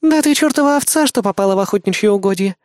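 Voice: mid-range voice, animated, fast talker, darkish tone, no room sound, voice pushed up, natural voice. A reader voicing Eris, a blunt, sarcastic female assistant who scolds and mocks in a raised voice in a dry-sounding storybook reading. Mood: exasperated. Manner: scolding, mocking.

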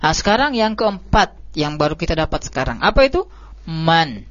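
A man teaching an Arabic lesson, repeating words slowly and drawing them out for his students. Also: on the high side, sing-song, fairly bright tone, no echo. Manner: slow, drawn-out repetition of words. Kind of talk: classroom lesson. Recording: dull lo-fi live stream audio.

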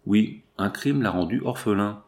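A man's voice: fairly low pitch, moderate pace, natural voice. A man reading a courteous young lawyer. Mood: earnest. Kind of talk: audiobook character reading.

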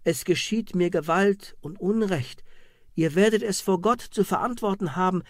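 A man's voice: fairly high pitch, sing-song, slow pace, darkish tone, breathy edge, dry recording, studio quality, heavily acted. A man voicing a woman accused of witchcraft under torture, crying out and pleading in a wailing voice. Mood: pleading in pain.

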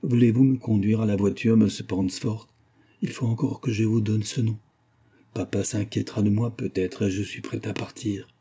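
A man voicing a gentle, compassionate young woman, speaking calmly and soothingly in an audiobook. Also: on the low side, normal speed, slightly rough. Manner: calm and soothing. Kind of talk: audiobook reading.

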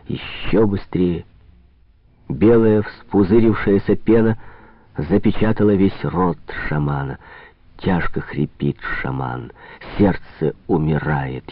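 A man narrates an audiobook slowly and deliberately, with a fairly low voice. The recording is dry and narrow, with a tinny, phone-like sound that lacks both warmth and sparkle. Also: no echo. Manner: slow, dramatic storytelling. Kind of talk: audiobook reading.

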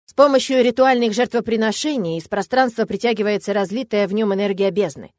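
A woman's voice: medium pitch, fairly quick, a little mellow, no room sound, lightly acted. A woman voicing an older witch who patiently explains things at length in an audiobook. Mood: explaining.

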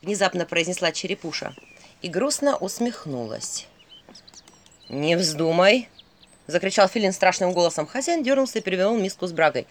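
Lively woman reading a fairy tale. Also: fairly low pitch, quick pace, slight background noise. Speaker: audiobook narrator. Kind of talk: scripted fairy-tale narration.

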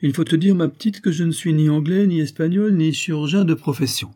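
A man's voice: on the high side, fairly quick, dark tone, voice pushed up, lightly acted. A man reading aloud plays a cunning disguised adventurer who speaks with sure, commanding knowingness. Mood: urgent, insistent.

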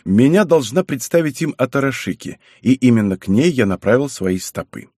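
A man reading a first-person audiobook narration in a lively, expressive way. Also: mid-range voice, normal speed, slightly rough, dry recording, studio quality.

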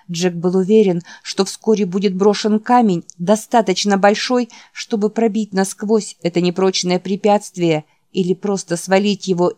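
Female audiobook narrator, lower register, dry studio sound, measured dramatic read. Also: dark tone, no echo.

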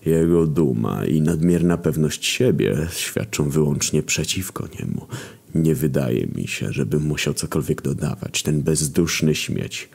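A man voicing an ancient male God, a cold judge speaking slowly and gravely. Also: extremely low pitch, animated, a little mellow, exaggerated voice. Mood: solemn. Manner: slow, grave, solemn delivery.

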